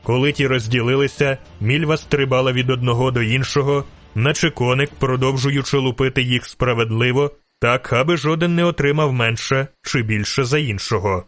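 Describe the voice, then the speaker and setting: Male audiobook narrator, steady and vivid, mid-range voice, very dry close mic. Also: mid-range voice, moderate pace, no room sound, soft background music.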